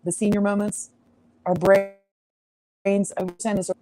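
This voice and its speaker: A woman's voice: medium pitch, flat delivery, slow, warm tone, faint music behind, low-quality recording. A woman hosting an astrology livestream, chatting casually on a farm, rambling and sidetracking with frequent laughs. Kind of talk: casual live-stream chat. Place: outdoors on a farm.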